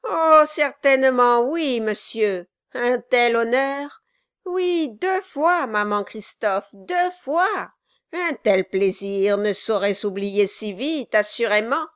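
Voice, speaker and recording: A woman reading aloud, voicing a sly male dwarf villain who swings between mock courtesy and high-pitched cries. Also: lively intonation, takes it slowly. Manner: shifting high and low, falsely courteous. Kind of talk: audiobook reading.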